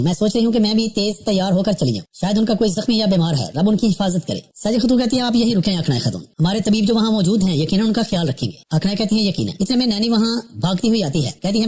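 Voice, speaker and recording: A narrator recapping a drama episode in scripted narration, reading the characters' lines in a steady retelling voice. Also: mid-range voice.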